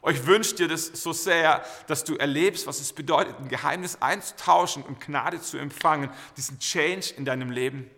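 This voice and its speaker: Bright-voiced preacher in a hall. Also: male voice, a little high, normal speed, hardly any pauses. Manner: lively anecdotal storytelling with many fillers. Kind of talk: storytelling sermon. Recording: reverberant hall.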